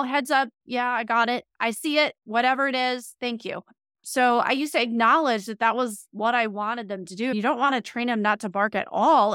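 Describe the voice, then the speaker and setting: A woman who works as an animal communicator, calmly explaining and advising in a podcast conversation. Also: a little high, clean tone, dry recording, clean studio sound.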